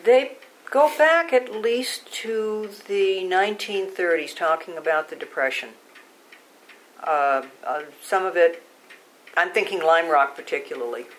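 An older woman with a low voice gives an oral history interview. She recollects in measured, halting phrases. There is noticeable noise behind her. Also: low-quality recording.

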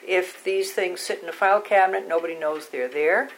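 Older woman reminiscing in low, halting phrases. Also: slight background noise. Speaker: oral history project interviewee. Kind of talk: recorded oral history interview, recollecting.

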